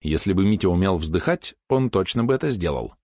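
Male audiobook narrator, low voice, matter-of-fact first-person reading. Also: animated, a little fast, darkish tone, dry recording, clean studio sound.

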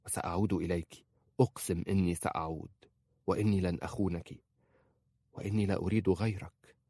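Resolute young husband, low and hushed, very deep; male narrator voicing him. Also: fairly even intonation, fairly quick, breathy edge, no echo, clean studio sound. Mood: earnest.

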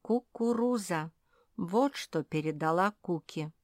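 A woman voicing a calm, easygoing female pug in a storybook, with a mild, measured delivery. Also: fairly low pitch, no echo, clean studio sound. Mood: puzzled.

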